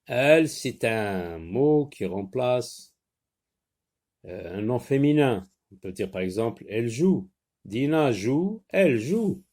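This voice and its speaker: A man teaching a spelling lesson, slowly sounding words out and spelling them letter by letter. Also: mid-range voice, very animated, darkish tone.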